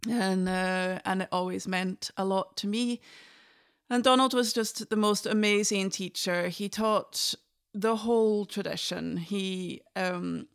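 A woman with a Highland Scottish accent, chatting reflectively and telling anecdotes as a podcast guest. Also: slow, clean tone. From Inverness, north of Scotland. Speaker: podcast guest, fiddle player. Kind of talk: casual interview conversation.

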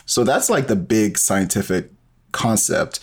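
A very animated man with a lowish, slightly rough voice talks at a measured pace as a podcast guest. A bioinformatics professional and storyteller, he explains things informally and step by step with many hesitant fillers.

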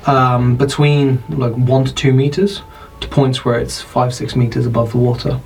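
A man's voice: mid-range voice, flat delivery, gravelly, a little mellow, slight background noise, poor audio. British man narrating a tabletop game. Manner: unhurried descriptive narration with fillers. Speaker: dungeon master.

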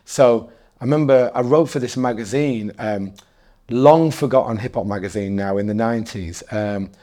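Speaking at a normal speed in a mellow mid-range voice, a man in his forties from North East England chats as an interview guest. The conversation is casual, with plenty of rambling, self-corrections, and frequent laughs.

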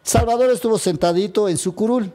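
Ecuadorian male politician as interview guest, high mellow voice, vivid retelling. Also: brisk. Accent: Ecuadorian Spanish. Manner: lively storyteller who acts out quotes. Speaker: assembly member, guest.

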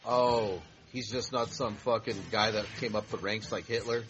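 A man co-hosting a casual podcast, teasing the others with deadpan jokes. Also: on the low side, moderate pace, music in the background. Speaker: podcast co-host.

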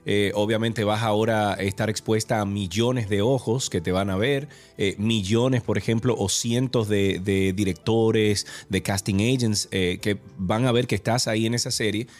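A man hosts an interview in a chatty, quick way. His voice sits a little low. He keeps his questions light and friendly. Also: fairly even intonation, soft background music. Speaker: interview host. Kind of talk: casual interview talk.

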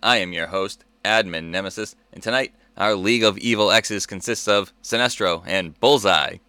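A man's voice: on the low side, normal speed, bright, forceful tone, smooth, dry recording. A man hosting a podcast with theatrical, grandiose show announcing in the manner of a ringmaster. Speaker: podcast host.

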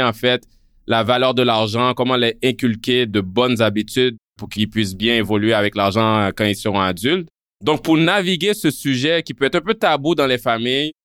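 A male podcast host in his thirties whose French carries a Creole tinge. His voice is smooth and resonant, recorded very dry and close. He speaks earnestly, often filling pauses with "euh". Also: mid-range voice, fairly bright tone, no room sound. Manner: earnest, with frequent "euh" fillers. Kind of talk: podcast interview and intro.

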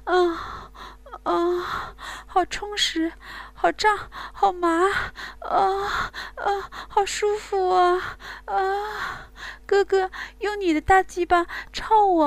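A woman's voice: extremely high pitch, creaky, no echo, pitched above the performer's own voice, heavily acted. A woman doing a breathless, pleading young lover.

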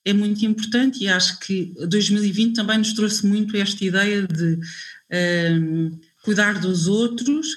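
A woman's voice: medium pitch, unhurried. A woman from Angola, speaking on a discussion panel, hesitant and searching for her words with many fillers.

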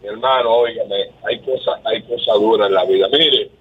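A man's voice: lowish voice, fairly quick, breathy edge. A man in his sixties with a Dominican accent, calling in to a radio show and telling a rambling, earnest story. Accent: Dominican Spanish. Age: 60s. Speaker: caller. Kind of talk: phone-in story. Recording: tinny phone line.

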